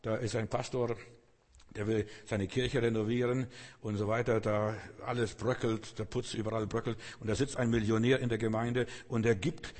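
A man's voice: lowish voice, flat delivery, moderate pace, darkish tone. A man pastor preaching a sermon in an earnest, repetitive way and speaking directly to his listeners. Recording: long hall reverb.

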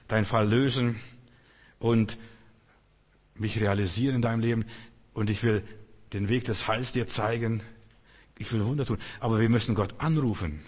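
A man with a husky voice preaches a sermon, hammering home phrases through repetition and turning to his congregation with direct questions. His voice rings with a long echo, as in a large church hall. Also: medium pitch. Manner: emphatic, repetitive, often asks the listeners "verstehst du".

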